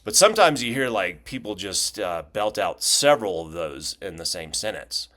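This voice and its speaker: A man's voice: sits low, sing-song, normal speed, a bit bright. A man hosting a casual language lesson video, talking loosely with lots of fillers, restarts and joking asides.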